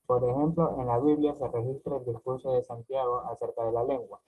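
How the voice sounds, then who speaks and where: A man presenting to his class, reading his text in a careful, measured way. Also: medium pitch, steady tone, husky. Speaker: student presenter. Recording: tinny phone-like call audio.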